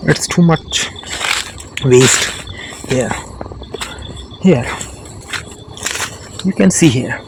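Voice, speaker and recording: Male English tutor, slow and halting, vlogging outdoors with loud crickets behind. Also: on the high side, creaky, noisy background. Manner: simple, halting English with frequent restarts. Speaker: English teacher. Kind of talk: casual teaching vlog. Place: outdoors in a village field.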